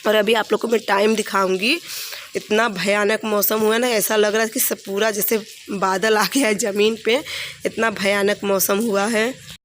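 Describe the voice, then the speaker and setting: Woman vlogger, casual home voice-over, rambling and chatty, mid pitch, faint noise behind. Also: steady tone, normal speed. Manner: chatty, rambling, many fillers and restarts.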